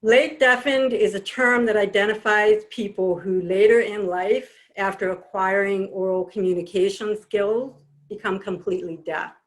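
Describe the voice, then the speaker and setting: A woman's voice: mid-range voice, fairly even intonation, normal speed, few pauses, low-quality recording. Female presenter, mid-range voice, explaining definitions as part of a talk.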